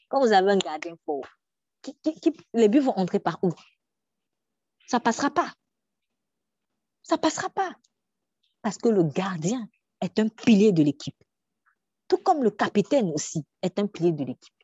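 Emphatic woman preaching, dark muffled voice. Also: lowish voice, slightly rough, no room sound. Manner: emphatic, with rhetorical questions and repetitions. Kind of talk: sermon.

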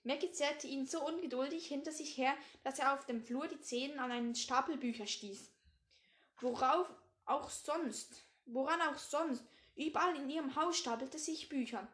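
High-voiced teen girl reading a novel aloud. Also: moderate pace, a bit bright. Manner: stumbles and restarts on words; casual rambling outro. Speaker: reader.

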